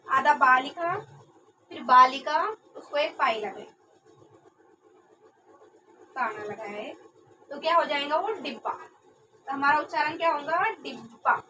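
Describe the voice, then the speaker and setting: A young woman teaching a class, with a high voice and an unhurried pace. She repeats each word carefully and asks questions she then answers herself. The recording is distant, with clear background noise. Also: pushed and bright. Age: young adult. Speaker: trainee teacher. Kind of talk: classroom lesson.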